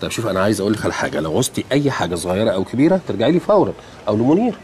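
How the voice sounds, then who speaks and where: An actor playing a smooth, jovial company owner with an Egyptian accent. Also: male voice, on the low side, sing-song, racing, darkish tone, slight background noise.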